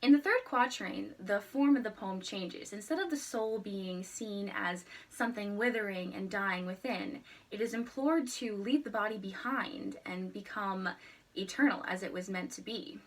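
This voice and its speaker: A woman's voice: medium pitch, normal speed. A woman giving a prepared explanatory presentation in a formal, earnest manner. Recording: distant microphone.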